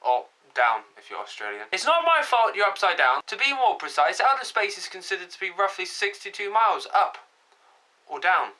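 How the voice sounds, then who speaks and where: Lively bright-voiced jokester. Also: male voice, high-pitched, rough recording. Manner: punning, self-mocking, quick apologies. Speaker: comedy vlogger. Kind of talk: jokey vlog monologue.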